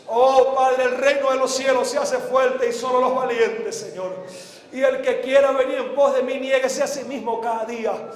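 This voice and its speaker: A man evangelist preaching a sermon and leading an altar prayer, fervent, dropping to a soft tone then rising to shouts, with a repetitive prayer cadence. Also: very high-pitched, steady tone, normal speed. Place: large church hall before a congregation. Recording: echoey hall with long reverb.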